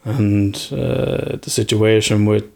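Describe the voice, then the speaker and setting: Irish male podcast co-host, slightly low voice with creaky fry, casual colloquial chat. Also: steady tone, slow pace, darkish tone.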